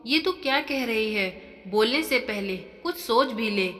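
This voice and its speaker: A woman's voice: a little high, animated, measured pace, a bit bright, in a large hall. A woman voicing a stern, protective older mother-in-law who speaks firmly and scolds, in a storybook reading. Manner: firm, scolding.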